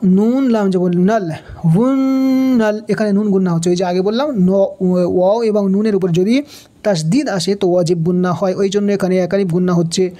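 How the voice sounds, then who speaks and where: A man teaching Quran reading in a Bangladeshi Bengali accent, spelling out letters and vowel marks slowly and then chanting the verses. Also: high voice, warm tone. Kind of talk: Quran recitation lesson.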